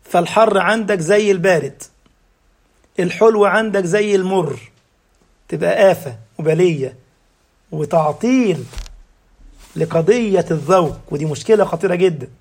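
A man's voice: sits high, moderate pace, long pauses. A man with an Egyptian accent giving a sermon, who keeps asking the congregation rhetorical questions and answering them himself. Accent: Egyptian Arabic. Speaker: preacher.

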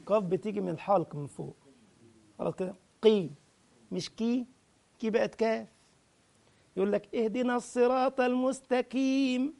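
A man with an Egyptian accent teaching Quran recitation, drawing out the verses slowly and breaking into quick, chatty corrections. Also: sits high, gravelly, warm tone. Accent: Egyptian Arabic. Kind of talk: tajweed lesson with slow demonstrations.

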